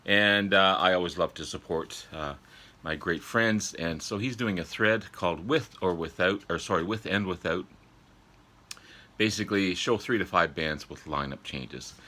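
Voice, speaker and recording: A man with a sore throat from a cold, chatting casually and haltingly as a vlog host, often needing to clear his throat. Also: sits low, sharp tone. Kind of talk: casual chat to viewers about records. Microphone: older phone.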